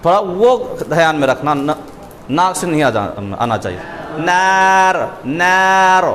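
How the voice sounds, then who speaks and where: Guy teaching recitation, kinda high voice, drills each syllable slow, echoey room w faint chatter. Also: big pitch swings. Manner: patient, drills syllables, often asks "isn't it?". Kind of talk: reading lesson with drills.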